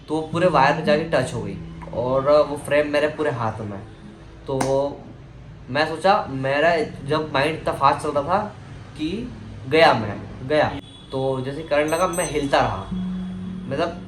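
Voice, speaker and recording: Rambling young man, echoey room. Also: fairly high pitch. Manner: rambling, many restarts and fillers. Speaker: vlogger. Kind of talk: casual storytelling vlog. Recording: echoey room with music behind.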